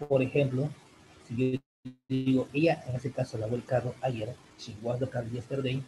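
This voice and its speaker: A man teaching an online English class in Spanish, answering a student's question in a rambling way with many fillers, addressing the students warmly as "chicos". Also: medium pitch, flat delivery, moderate pace, music in the background, poor audio. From Peru. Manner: rambling, full of fillers like "en este caso" and "chicos".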